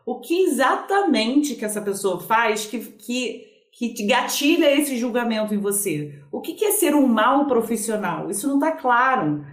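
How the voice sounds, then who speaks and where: Woman expert on a panel, slightly high voice, calm and teacherly, echoey room. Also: normal speed, hardly any pauses. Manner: calm, didactic, gives concrete examples. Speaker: panel guest, communication expert. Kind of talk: explanatory panel talk. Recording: roomy echo.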